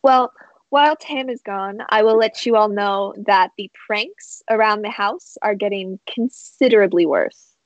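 A woman game master narrating a tabletop game in an easy, rambling way, padded with ums and likes. She talks unhurriedly at a middle pitch. The audio is dry and a bit muffled. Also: dry recording. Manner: relaxed, rambling, with many fillers.

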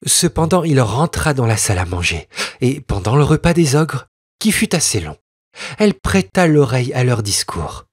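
A man narrating an old children's tale in an expressive, lilting reading voice with a husky tone. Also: mid-range voice, normal speed, no echo, clean studio sound. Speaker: audiobook reader. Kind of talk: scripted storybook narration.

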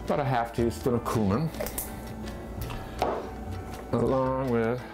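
Speaking slowly in a medium pitch, this cooking show host talks viewers through a homemade dish indoors in his kitchen. His manner is easygoing and conversational, full of fillers as he thinks out loud. The sound comes from a distant fixed camera, with background music playing throughout.

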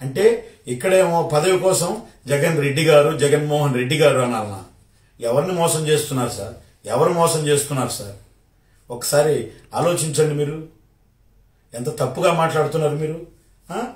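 A man's voice: a little high, normal speed, long pauses, reverberant, far from the mic. A man from Kadapa with a Rayalaseema Telugu accent, firing sarcastic rhetorical questions at a minister in a confrontational political rant. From Kadapa district, Rayalaseema, India. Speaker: party supporter.

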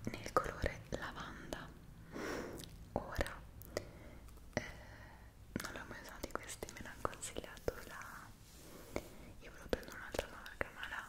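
This is an ASMR creator in her twenties speaking in a very soft, hushed whisper near the microphone. She chats casually and slowly about her routine, pausing to grope for words, in a small indoor room captured by two close side mics at the front.

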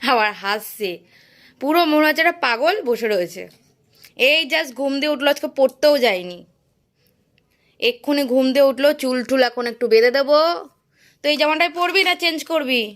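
Chatty woman vlogger with a high voice. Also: expressive, brisk, pauses often. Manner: chatty, addresses viewers directly. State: voice getting hoarse. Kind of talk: casual home vlog.

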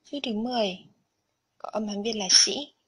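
A woman's voice: mid-range voice, moderate pace, breathy edge. A woman narrating a scripted Japanese lesson, carefully explaining vocabulary and kanji one item at a time. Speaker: Japanese language teacher.

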